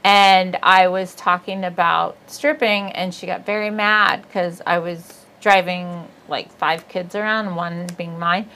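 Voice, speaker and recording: Seated indoors on a small studio set, a chatty Ohio woman in her forties hosts a casual comedic chat, laughing her way through bawdy stories in a Midwestern American accent. Her voice is bright and forceful but on the low side, slow with few pauses and fairly even intonation. The recording is rough, with slight background noise.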